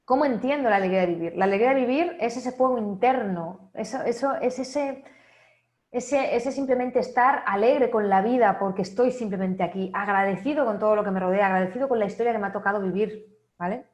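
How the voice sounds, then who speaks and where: A woman delivers a motivational talk at a middle pitch for her sex. She poses question after question and keeps checking in with her listeners. Her voice rings in a roomy, echoing space. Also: brisk, a little mellow. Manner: asks many rhetorical questions, often ends with a checking "¿vale?". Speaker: speaker at an online wellness congress. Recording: echoey room.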